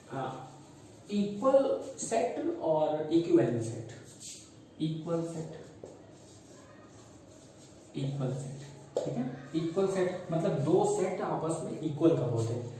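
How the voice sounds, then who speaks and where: A man's voice: on the high side, lively intonation, slow, long pauses, dark tone, a little hiss or hum. A male teacher giving a classroom maths lesson, often asking questions and answering them himself while mixing English terms into Hindi. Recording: very echoey room, mic far off.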